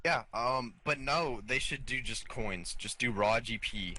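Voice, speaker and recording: A man's voice: mid-range voice, measured pace, pushed and bright. A male podcast guest in casual chat, tossing out ideas and hedging as he goes.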